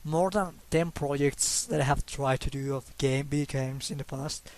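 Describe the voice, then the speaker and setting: A young man from Mexico with a medium-pitched, slightly mellow voice talks at a moderate pace about his hobby drawings. His English has a Mexican Spanish accent; he's casual and hesitant, filling gaps and restarting often, and his self-conscious manner shows in a little laughter.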